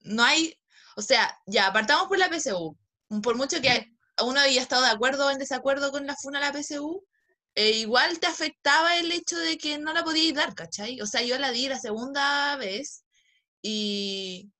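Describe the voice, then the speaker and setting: Young Chilean student, bright and forceful, theatrical storyteller. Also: female voice, high-pitched, normal speed. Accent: Chilean Spanish. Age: young adult. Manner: dramatic, emphatic, mixes in English slang. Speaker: university student. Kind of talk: casual chat.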